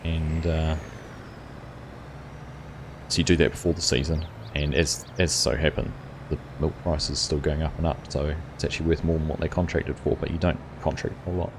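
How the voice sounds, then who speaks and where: Over background noise, the very deep-voiced New Zealand streamer, middle-aged, chats casually with viewers at a moderate pace. He reads their comments, replies to people by name and fills his talk with fillers in an easygoing way.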